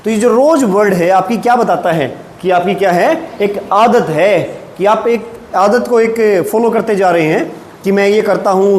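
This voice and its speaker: A male English teacher, leading a classroom lesson and drilling short sentences slowly while asking students questions. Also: high-pitched, darkish tone. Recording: echoey classroom with faint room noise.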